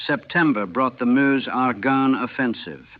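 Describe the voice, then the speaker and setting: A man, a former army chaplain from the United States, recalling the war in a grave, measured and haunted way, heard on an old archival recording. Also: medium pitch. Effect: old archival recording, narrow and tinny. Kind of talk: solemn first-person recollection. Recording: tinny, dry, lo-fi old recording.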